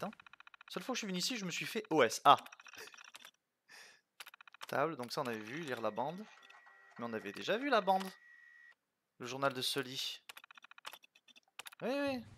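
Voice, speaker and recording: Fairly high and bright with a forceful tone, this streamer's voice swings widely in pitch at a moderate pace with long pauses, over slight background noise. He's playing a video game in a let's play, chatting casually with many fillers and playful jokes.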